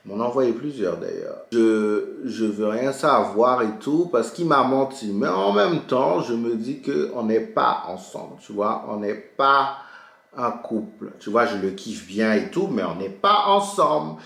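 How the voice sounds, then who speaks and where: A man's voice: unhurried, vocal fry, roomy sound. A man telling a story in a casual chatty way while doing his makeup, acting out dialogue with big jumps in his voice. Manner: animated, re-enacts dialogue with big pitch jumps. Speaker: beauty vlogger.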